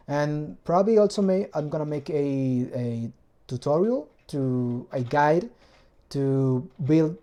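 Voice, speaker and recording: Here a man with a Spanish accent casually walks through building a hobby engine for his vlog, his voice mid-range and warm. He's a native Spanish speaker who often hesitates while reaching for words in his second language.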